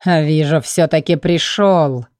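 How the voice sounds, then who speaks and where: A woman voicing a hateful old male shapeshifter villain, drawing out slow threats and breaking into shrill shrieks. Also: a little mellow, dry recording, studio quality. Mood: mocking.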